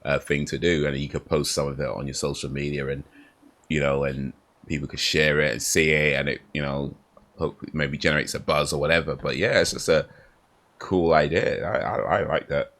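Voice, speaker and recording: Male podcast host, very low voice with a bright edge, relaxed and rambling. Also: moderate pace. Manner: relaxed, rambling, many fillers. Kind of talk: casual podcast chat.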